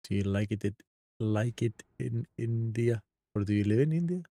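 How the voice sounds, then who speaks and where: A native Icelandic speaker with an Icelandic accent chats casually on a live stream, reading the chat aloud and greeting viewers one at a time. His voice is on the low side and dark in tone, expressive at a moderate pace, with no room sound.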